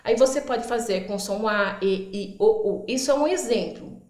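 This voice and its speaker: A woman teacher explaining early literacy activities, sounding out words slowly and acting out her prompts to children. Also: fairly high pitch, darkish tone, echoey room. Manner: stretches out words for demonstration, acts out classroom prompts. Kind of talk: instructional explainer.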